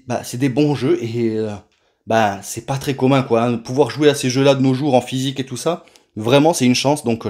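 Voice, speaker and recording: A man's voice: medium pitch, darkish tone. A man casually presenting his new retro video game purchases, talking loosely with many fillers and restarts. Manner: chatty, many fillers and self-corrections. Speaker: retro game collector, channel host. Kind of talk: casual collection showcase vlog.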